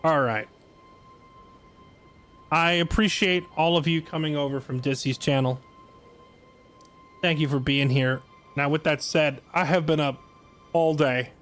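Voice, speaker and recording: A man's voice: fairly high pitch, fairly even intonation, measured pace, pauses often, fairly bright tone, faint music behind. A tired man chatting casually on his live stream, sarcastic and self-deprecating.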